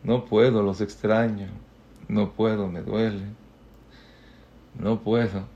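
A man's voice: medium pitch, fairly even intonation, slow pace, dark tone, highs cut off, voice pushed up. A man voicing a tearful grateful boy. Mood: earnest, tearful. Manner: earnest, choked with emotion.

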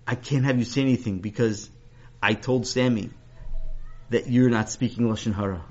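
A man voicing a calm, wise school principal rabbi who reassures a pupil. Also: mid-range voice, moderate pace, lightly acted. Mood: reassuring. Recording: dull lo-fi recording.

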